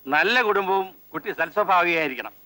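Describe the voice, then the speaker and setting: An actor playing a stern, gruff head of a household who scolds those around him in a film comedy. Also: male voice, sits high, expressive, a little fast, sharp tone, low-quality recording. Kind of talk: 1990s film comedy dialogue.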